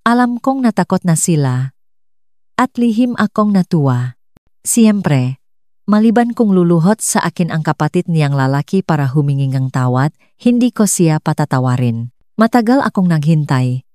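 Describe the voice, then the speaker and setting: Low, mellow woman narrating a story. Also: animated, moderate pace, dry recording, studio quality. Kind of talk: first-person drama narration.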